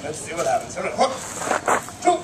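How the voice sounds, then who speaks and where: A man's voice: a little high, huge pitch swings, a little fast. A man, a middle-aged stage juggler, projecting comic patter with mock-courtly showmanship to a live fair audience. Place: open-air covered stage at a fair. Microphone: far camera in the audience. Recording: distant, echoey, noisy live crowd recording. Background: loud crowd and ambient noise.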